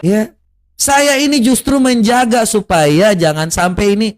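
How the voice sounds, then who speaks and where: A man's voice: high-pitched, unhurried. A man from in eastern Indonesia, delivering a confrontational online rant full of taunts, rhetorical questions and mocking laughter. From Kupang, East Nusa Tenggara, Indonesia. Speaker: online religious commentator. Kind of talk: confrontational social media rant.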